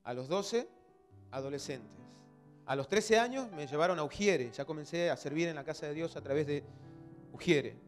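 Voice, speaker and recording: A man in his thirties, a pastor from Argentina with an Argentine accent, preaching a fervent sermon that swings between loud exhortation and quiet storytelling. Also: on the high side, lively intonation, normal speed, faint music behind. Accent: Argentine Spanish. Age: 30s.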